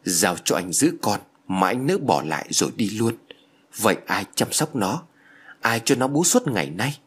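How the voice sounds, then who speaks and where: A man's voice: on the low side, sing-song, moderate pace, husky. A man voicing a stern, vengeful young female ghost in a spoken ghost story. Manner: stern, urgent.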